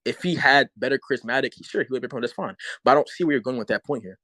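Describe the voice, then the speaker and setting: A man's voice: mid-range voice, rapid-fire, pushed and bright, no echo, poor audio. A man arguing in a heated casual debate, repeating himself and swearing as he pushes his point.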